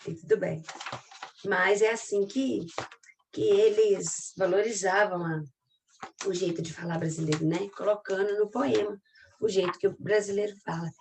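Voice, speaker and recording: Mineiro-accented teacher talking from off-mic. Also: female voice, medium pitch, fairly even intonation, moderate pace, creaky, darkish tone, distant mic, slight background noise. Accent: Mineiro Brazilian Portuguese. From Minas Gerais, Brazil. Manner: chatty, searching aloud for pages. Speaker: literature teacher. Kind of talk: recorded class lesson.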